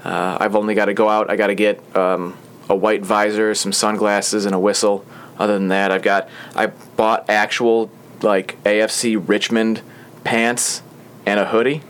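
A man's voice: on the low side, level tone, normal speed, a bit bright, clear, resonant tone. Chatty man hosting a podcast. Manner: chatty, rambling with frequent fillers. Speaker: podcast host. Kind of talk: casual chat. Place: small podcast studio.

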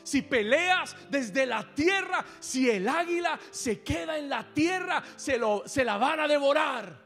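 A pastor preaching with fervor, dropping to hushed asides and rising to shouted emphasis, repeating his own lines in English. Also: extremely high pitch, lively intonation, slow pace, gravelly, faint music behind. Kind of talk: preaching a sermon.

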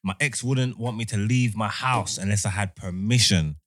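A man's voice: on the low side, moderate pace, fairly bright tone, slight background noise. A man with a London roadman accent chatting casually in street slang, as in podcast banter.

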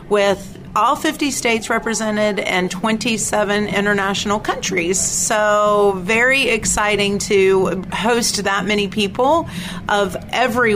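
A woman speaking as an interview guest at a racetrack, explaining her nonprofit work as its chief executive. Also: mid-range voice. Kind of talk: enthusiastic explanatory interview talk. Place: at a speedway during race events. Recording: clear ambient noise from a racetrack. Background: racetrack ambience.

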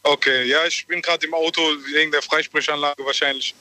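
A young man from southwest Germany calling a radio phone-in from his car's hands-free system and telling a story in a halting, rambling way. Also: fairly high pitch, fairly even intonation, bright, forceful tone. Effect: phone call through a car hands-free speaker system, at times distant from the mic. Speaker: radio call-in caller.

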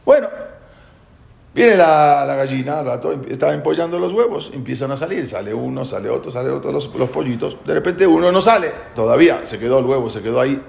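Gravelly man telling a story. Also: mid-range voice, animated, fairly quick, a little mellow. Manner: repetitive, emphatic, lots of restarts. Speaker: guest telling a religious parable. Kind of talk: animated storytelling. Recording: echoey room.

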